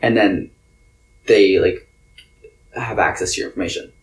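A woman's voice: rumbling low, normal speed, slight background noise. A woman co-hosting a podcast in casual chat, with a dry, wry sense of humor. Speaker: podcast co-host. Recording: roomy echo.

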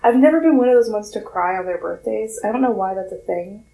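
A woman's voice: mid-range voice, quick pace, vocal fry, crowd noise. A woman in her twenties co-hosting a podcast in casual chat, laughing often. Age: 20s. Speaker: podcast co-host. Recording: roomy echo.

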